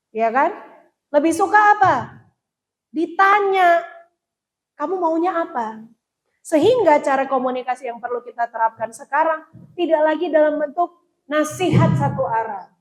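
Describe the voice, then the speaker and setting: A middle-aged woman, a psychologist giving a lively parenting talk at a church retreat, asking the audience questions and acting out parents and children. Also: sits high, poor audio. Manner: asks the audience questions, acts out parents and kids. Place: church hall.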